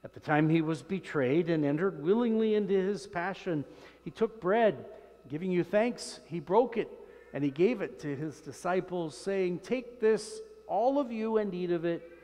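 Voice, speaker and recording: An older man, a priest, reciting solemn liturgical prayers in a measured, reverent manner in a large echoing church. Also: on the high side, a little mellow. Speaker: priest celebrating Mass. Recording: long cathedral-like echo in large church.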